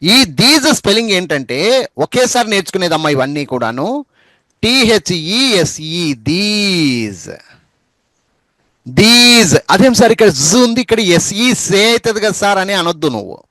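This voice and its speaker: High-pitched man teaching English. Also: lively intonation, fast talker, a bit bright, dry recording. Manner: patient and repetitive, spells words letter by letter. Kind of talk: spoken English lesson over a group call.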